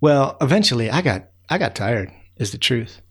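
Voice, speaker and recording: A man voices a friendly, chatty male raccoon telling a bedtime story, his medium-pitched voice very animated with a breathy edge at normal speed. The easygoing raccoon rambles along in a folksy way, packing in lots of fillers.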